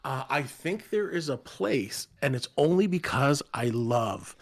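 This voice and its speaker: A man's voice: mid-range voice, expressive, measured pace. A man who is a guest on a stream, chatting casually, joking and telling stories about friends. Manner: chatty, jokey, storytelling. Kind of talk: casual chat.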